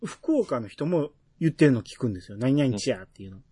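This podcast host talks with a Kansai Japanese accent, keeping things casual and musing as he reads out listener mail. His medium-pitched voice is brisk with a breathy edge, recorded dry.

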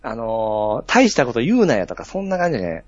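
A man's voice: mid-range voice, fairly quick, slightly rough, dry recording. Chill guy chiming in on a podcast, voice goes up and down a lot, muffled dry sound. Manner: relaxed, frequent short backchannels. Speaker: podcast co-host. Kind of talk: casual chat.

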